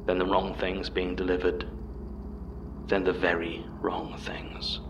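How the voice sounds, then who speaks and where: A middle-aged man reading a scripted horror statement in a measured, hushed way. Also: low-pitched, monotone, noisy background.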